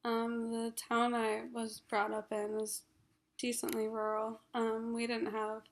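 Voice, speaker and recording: A young woman in her twenties from Ohio, USA, introduces herself in a class video as a graduate counseling student. Her slightly high voice is hoarse from a cold and completely flat, and she halts often with many ums and frequent throat clearing.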